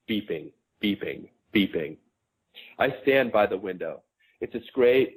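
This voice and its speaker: A man in his forties, an author, reading his memoir aloud in a measured, quiet, reflective way. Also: lowish voice, rough recording.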